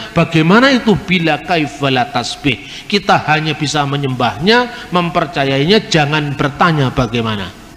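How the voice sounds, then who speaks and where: A man's voice: on the high side, a bit bright. A man giving an explanatory lecture on scripture, now and then imitating regional pronunciations. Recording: echoey hall with faint noise.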